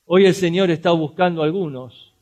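A man's voice: fairly high pitch, a little fast. A man preaching a sermon in a Rioplatense Spanish accent, talking straight to his listeners and acting out little scenes. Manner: animated, acts out boxers and referee, direct address to congregation.

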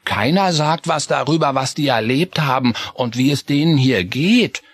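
A man's voice: mid-range voice, normal speed, breathy edge, no echo, pitched above the performer's own voice. Chris, an eager little boy mouse, voiced by a man. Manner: excited, chatty.

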